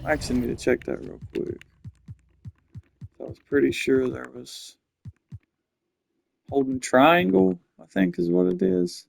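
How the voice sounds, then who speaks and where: A man's voice: medium pitch, creaky. A man casually commenting on his own basketball video game while playing, muttering and swearing.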